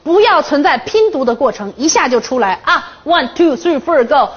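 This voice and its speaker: A woman's voice: sits high, sing-song, normal speed. A woman English teacher leading a classroom phonics lesson, drilling the class with counted chants and playful, teasing questions. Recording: dull lo-fi classroom recording.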